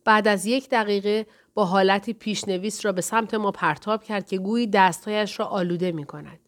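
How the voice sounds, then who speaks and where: Calm woman narrating an audiobook. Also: mid-range voice.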